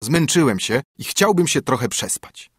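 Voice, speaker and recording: A weary stray dog talks mildly, a touch above plain speech, as a man puts him on. The voice is a bit husky, recorded dry and close. It is a storybook reading. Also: medium pitch, big pitch swings, moderate pace, a bit bright, dry recording, full character voice. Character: hungry, tired male stray dog.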